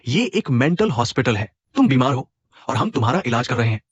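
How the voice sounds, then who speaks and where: A scheming doctor speaks in a lively, husky voice that turns clinical or fawning as needed. Dubbed for a TV drama in a dry studio. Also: male voice, medium pitch, a little fast, no echo, highs cut off. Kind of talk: Hindi dub of a TV drama.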